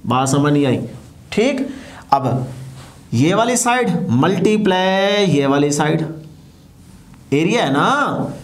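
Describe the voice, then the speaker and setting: Male teacher. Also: on the high side. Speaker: physics teacher. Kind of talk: classroom lecture.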